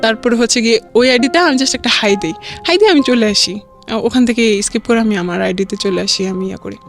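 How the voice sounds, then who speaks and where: As an interview guest, a young adult woman with a Bangladeshi accent tells her own life story in a rambling, halting way, often repeating filler phrases. Her voice is on the high side, with soft music in the background.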